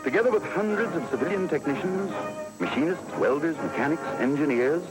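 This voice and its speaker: A man's voice: on the high side, lively intonation, brisk, over music, poor audio. A man giving emphatic, declamatory old newsreel narration in 1940s style.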